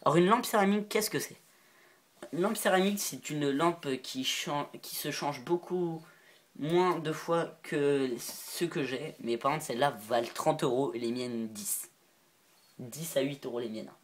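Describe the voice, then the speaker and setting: A man's voice: on the high side, measured pace. A male vlogger talking through a casual show-and-tell, chatty and loose. He rambles from item to item, breaks into giggles and freely admits he is not sure of the details. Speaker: reptile-keeping video maker.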